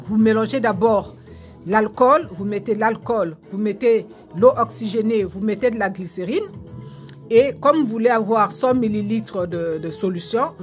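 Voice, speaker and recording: A woman giving casual home how-to tips, repeating steps with fillers and restarts. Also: on the high side. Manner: repetitive, many fillers and restarts.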